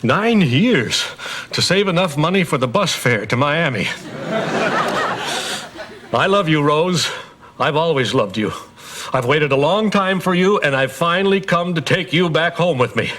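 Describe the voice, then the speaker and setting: A man playing an earnest, lovestruck older suitor who speaks slowly and deliberately. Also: on the high side, animated, fairly bright tone, slight background noise. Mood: tender. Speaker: sitcom character. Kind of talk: sitcom acting.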